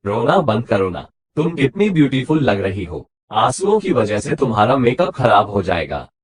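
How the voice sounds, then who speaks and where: A man voicing an affectionate young husband who teases and softly coaxes his wife in an audiobook romance. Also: medium pitch, sing-song, normal speed, close to an everyday voice. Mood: coaxing. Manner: soft, coaxing apologies.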